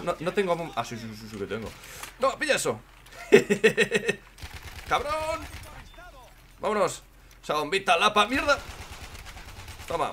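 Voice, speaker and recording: A man from with a hoarse voice, commenting on his own gameplay in casual chat, joking and swearing a lot. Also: fairly high pitch, slight background noise. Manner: swears a lot and jokes, shouts when in danger.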